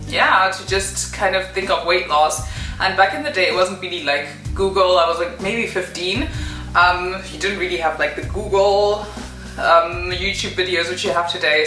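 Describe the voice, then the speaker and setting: In a reverberant space, a young woman from Zimbabwe with a sharp, lowish voice tells her story in a chatty vlog. She uses many fillers, often saying "kind of".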